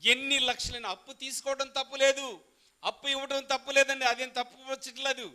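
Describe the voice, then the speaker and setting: A man preaching a sermon, asking the congregation questions and answering them himself, calling on them to shout along, and moving between soft asides and loud, drawn-out calls. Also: very high voice, level tone. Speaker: pastor.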